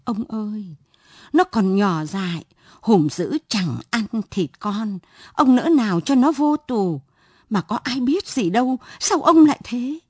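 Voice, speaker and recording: A woman's voice: on the high side, animated, takes it slowly, darkish tone, slightly rough, no echo, clean studio sound, exaggerated voice. Woman voicing a tearful pleading wife. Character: tearful middle-aged wife pleading for her son.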